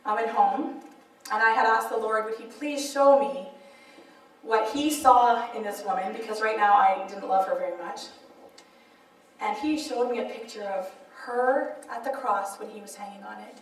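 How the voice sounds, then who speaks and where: A woman speaker sharing a personal testimony in an animated, laughing storytelling manner. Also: fairly high pitch, normal speed. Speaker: author and speaker. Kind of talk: personal testimony at a church event. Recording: echoey hall, mic far off.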